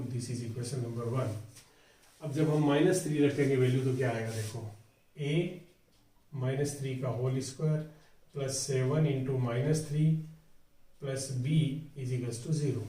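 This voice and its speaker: A man's voice: mid-range voice, mellow. A man teaching a step-by-step board exam math tutorial, asking questions and answering them himself. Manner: talks through each step, asking and answering his own questions. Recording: echoey room, voice from far off.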